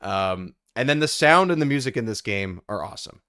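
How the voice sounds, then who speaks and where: Podcast panelist, male, low-ish, rambling, dry close recording. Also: expressive, a little fast, sharp tone, clear, resonant tone, dry recording. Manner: rambling, lots of ums and laughs. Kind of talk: casual podcast chat.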